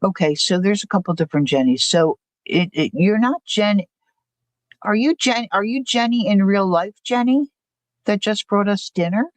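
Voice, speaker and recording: Hosting a livestream, an older woman rambles through a story in casual chat. Her medium-pitched voice is animated and moderately paced, with no echo in the recording.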